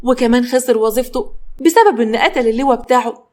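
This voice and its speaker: A woman voicing a scolding young wife with an Egyptian accent, sharp and insulting. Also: a little high, fast talker, lightly acted. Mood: furious. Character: shrill, scolding young wife who throws out her mother-in-law.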